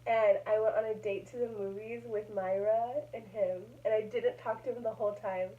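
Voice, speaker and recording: A woman's voice: medium pitch, steady tone, moderate pace. A young woman vlogger in casual chat, chatty and giggly, rambling with fillers. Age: young adult. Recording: dull lo-fi sound.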